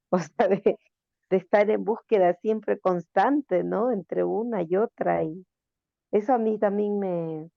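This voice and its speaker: Hesitant woman in a book club, gravelly low voice, dry phone-like audio. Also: no echo. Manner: hesitant, tentative, with short laughs. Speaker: reading club member. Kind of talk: casual book club discussion over a call.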